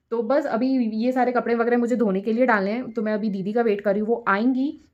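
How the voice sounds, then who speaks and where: A woman chatting casually in a home vlog, a mother who mixes English words into her talk and at times speaks very softly so her baby can sleep. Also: on the high side. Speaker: vlogger and mother. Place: at home, in a room. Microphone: phone camera.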